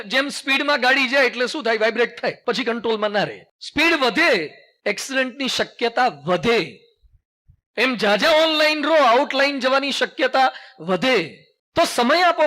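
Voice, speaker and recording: A man's voice: very high voice, bright, forceful tone. A middle-aged man, a monk, preaching a sermon with a Gujarati accent, telling folksy stories with jokes and call-and-response, and dropping in English phrases. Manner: mixes English phrases into speech.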